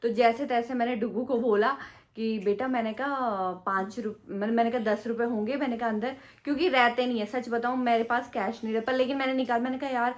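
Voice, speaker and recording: Woman, vlogger, casual storytelling, slightly high voice, indignant, chatty, fillers and restarts. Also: steady tone, a little fast. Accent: Hindi with Garhwali hill-village roots.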